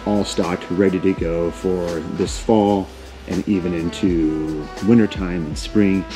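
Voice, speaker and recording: A man's voice: sits low, steady tone, slow pace, music in the background. A man in his thirties hosting a casual, upbeat walk-through tour of a large warehouse on a lapel mic. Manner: upbeat, enthusiastic. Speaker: vlog host.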